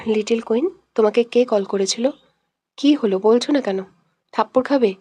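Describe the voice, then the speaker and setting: A woman's voice: fairly high pitch, normal speed, dark tone, breathy edge, no echo. A woman voicing a hot-tempered, jealous young man in love in an audio romance, scolding and making threats. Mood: angry. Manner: scolding, threatening, then teasing.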